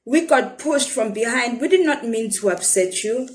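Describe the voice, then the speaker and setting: Reader plays a young big brother in a storybook, frightened but polite, pleading high. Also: female voice, lively intonation, normal speed, natural voice. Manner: pleading, apologetic.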